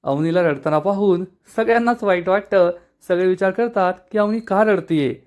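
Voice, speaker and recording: A man with a Marathi accent narrates a recap of a TV serial episode in a storytelling way. His voice sits high for a man. He reads out the characters' lines as he goes. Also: moderate pace, a little mellow. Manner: storytelling, reading out dialogue of the characters.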